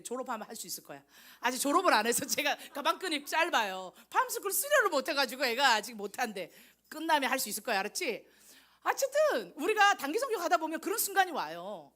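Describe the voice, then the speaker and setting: Animated woman preaching a lively sermon. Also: fairly high pitch. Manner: animated storytelling, teasing listeners by name. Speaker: missionary preacher. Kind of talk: lively sermon to young people.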